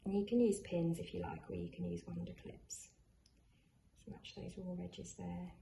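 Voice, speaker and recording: Female tutorial host: encouraging, conversational, slightly low-pitched, recorded in a roomy space with clear noise behind. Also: wildly swooping pitch, moderate pace, warm tone. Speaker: sewing tutorial presenter. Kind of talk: informal craft tutorial, talking through a demonstration. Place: indoors in a room at home. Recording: echoey room, clear background noise of drilling. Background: builders' drilling and work noise.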